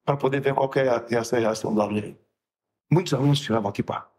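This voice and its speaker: A man, a rabbi co-hosting a podcast, telling stories in a lively way and acting out the dialogue with sudden high shouts. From Brazil. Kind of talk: casual podcast chat.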